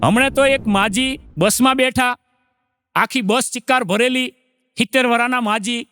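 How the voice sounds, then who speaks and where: A man's voice: very high-pitched, moderate pace, bright, forceful tone, clean tone, dry recording, clean studio sound. A man telling a comic story on stage and jumping into character voices for the people in it. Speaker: stand-up comedian.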